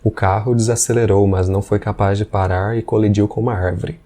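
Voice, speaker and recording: Patient teacher, mellow voice. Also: male voice, on the low side, fairly even intonation, a little hiss or hum. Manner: patient, repeats and slows examples. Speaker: English teacher. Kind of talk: explanatory language lesson.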